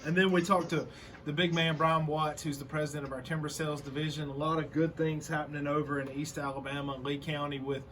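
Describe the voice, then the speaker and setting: A man's voice: on the high side, flat delivery, fast talker, fairly bright tone. A man co-hosting a chatty show preview teaser in an upbeat, promotional way. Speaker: show co-host. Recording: faint background noise.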